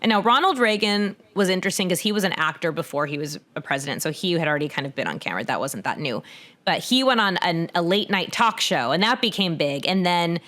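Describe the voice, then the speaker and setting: A woman in her thirties talks through a topic on a podcast in a loose, conversational way. Her voice sits a little low, and she often breaks into laughter or jumps up in pitch when she acts out what people said. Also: big pitch swings, quick pace, fairly bright tone. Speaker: podcast co-host. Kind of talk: casual conversational explanation.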